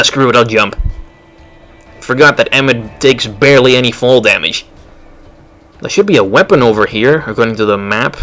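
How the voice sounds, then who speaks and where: A man's voice: mid-range voice, fairly bright tone. A man giving casual, wry commentary as he plays a video game. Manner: offhand, wry. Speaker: let's play commentator. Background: game music.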